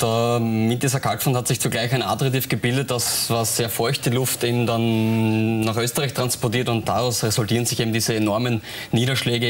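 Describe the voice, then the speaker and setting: A man's voice: on the low side, a little hiss or hum. A young man, a weather expert answering questions in a TV studio, hesitant with many fillers. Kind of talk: studio interview. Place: TV studio set.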